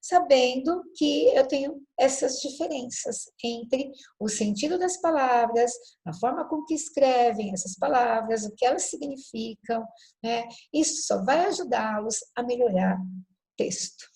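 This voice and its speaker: A woman's voice: on the high side, mellow, low-quality recording. Woman teaching a lesson patiently. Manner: explains slowly, spells out words, checks understanding often; self-correcting, apologetic over slips. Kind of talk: recorded classroom lesson.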